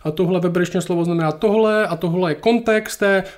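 A man hosting a listener Q&A, reading scripture and explaining it in an earnest, teaching way. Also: high-pitched. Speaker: host answering listener questions.

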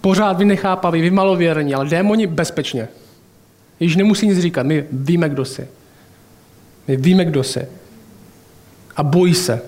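A man's voice: fairly high pitch, darkish tone. A man preaching a sermon in a colloquial, chatty way, mixing in personal anecdotes and asides.

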